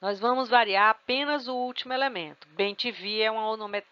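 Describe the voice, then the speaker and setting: A woman's voice: on the high side, a little fast, bright, forceful tone, no echo, lo-fi sound. A woman teacher giving an exam-prep grammar lesson, explaining rules step by step and checking in with her students. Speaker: Portuguese teacher.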